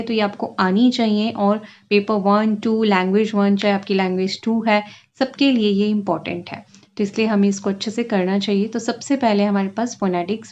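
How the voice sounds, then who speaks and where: A woman's voice: mid-range voice, a little mellow, muffled recording. A woman teaching exam-prep lessons, explaining terms and past questions and often checking in with "ठीक है?" as she goes. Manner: frequent checking "ठीक है?", drawn-out reading of English questions.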